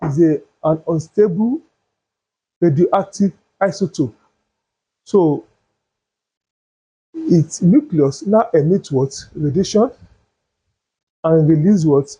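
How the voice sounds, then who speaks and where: A male teacher giving a chemistry lesson, asking questions and answering them himself, repeating terms slowly. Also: a little high, animated, mellow, breathy edge. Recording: dull lo-fi sound.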